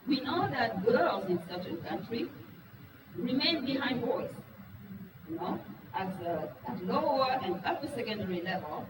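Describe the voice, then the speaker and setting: She speaks a little slowly in an animated voice on the high side. The woman, whose first language is Wolof, gives a business presentation to a live audience in a meeting room, frankly and earnestly asking them questions, captured by a distant mic amid echo and noise.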